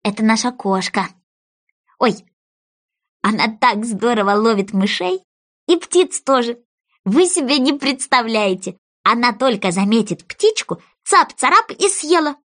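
A woman's voice: on the high side, lively intonation, measured pace, a bit bright. A woman voicing a polite, dreamy little girl who talks earnestly.

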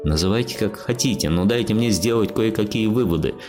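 A man's voice: on the low side, fairly quick, music in the background, voice pushed up, lightly acted. A man voicing a stubborn, bookish Martian man who argues earnestly and lectures his accuser.

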